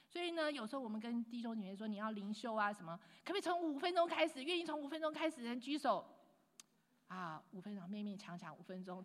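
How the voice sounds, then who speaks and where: A woman preaching a sermon with lively emphasis, dropping to hushed asides and mixing in English phrases. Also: fairly high pitch. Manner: swings between loud emphatic lines and hushed asides. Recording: long hall reverb.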